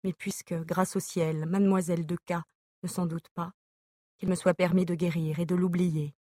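Brief: woman audiobook reader, measured letter reading, lowish voice, dry close sound. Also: flat delivery, warm tone, no room sound. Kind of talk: reading an epistolary novel aloud.

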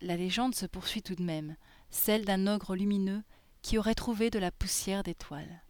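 Soft-spoken woman reading a fairy tale. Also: mid-range voice, normal speed, dry recording. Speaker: storyteller.

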